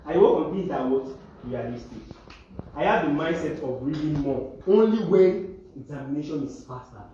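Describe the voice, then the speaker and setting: A man with a high, swooping voice teaches a room full of students, checking again and again that they understand. He is caught from far off in a very echoey room. A loud crowd of students fills the background. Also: moderate pace, muffled recording. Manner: animated, keeps checking students follow with "you understand?". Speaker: facilitator leading a class session. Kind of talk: classroom teaching and discussion. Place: classroom with students.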